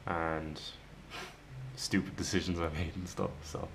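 A man in his twenties chatting casually to the camera at home, sounding tired and low-key, rambling with pauses. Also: level tone, a little hiss or hum, low-quality recording. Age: 20s. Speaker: daily vlogger. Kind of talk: casual vlog chat to camera. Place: home kitchen-living room, indoors. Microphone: camera at arm's length.

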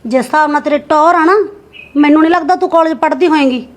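A woman's voice: high-pitched, quick pace, close to an everyday voice. A woman playing a married sister-in-law who scolds the spoiled daughter and argues about money. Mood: scolding. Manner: nagging, sarcastic. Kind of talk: Punjabi short-film acting.

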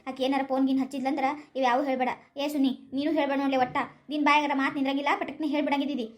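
A woman's voice: high voice, level tone, rapid-fire, pitched below the performer's own voice, close to an everyday voice. A woman doing a stern elder village woman. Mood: firm instruction. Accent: North Karnataka Kannada. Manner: firm, instructing, scolding.

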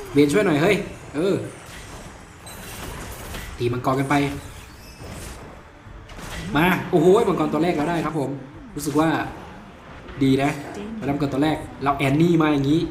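A man with a slight cold giving excited voice-over commentary on his own gameplay, crying out in bursts and laughing often. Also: fairly high pitch, roomy sound. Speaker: gamer and video creator.

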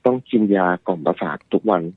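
A man's voice: deep voice, quick pace, breathy edge, dry recording. A man calling in to a radio show and casually telling a ghost story he heard from someone else, sometimes acting out frightened voices. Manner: acts out frightened voices in quotes. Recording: tinny phone line.

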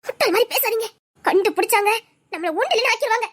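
A woman doing a very high, fearful young woman. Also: expressive, quick pace, a bit bright. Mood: anxious. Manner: anxious, torn, pleading. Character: frightened young college woman from a strict family. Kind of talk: Tamil audio drama acting.

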